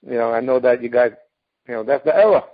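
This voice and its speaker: Animated man interviewing over a thin phone-like line. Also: mid-range voice, quick pace. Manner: animated storyteller, acts out quotes. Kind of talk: casual radio interview. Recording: phone-like radio audio.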